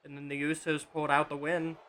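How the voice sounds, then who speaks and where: A man's voice: fairly high pitch, completely flat delivery, fast, a bit bright, a little hiss or hum. A man casually commenting on a wrestling video game on a live stream, rambling with fillers and restarts.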